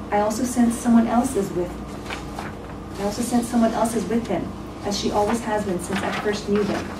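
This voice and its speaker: A woman gives a solemn, scripted memorial reading in measured, deliberate phrases. She is picked up from a distance in a roomy, echoing space, with clear noise behind her. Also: medium pitch. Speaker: speaker at a memorial, giving a tribute. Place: reading aloud in a roomy venue.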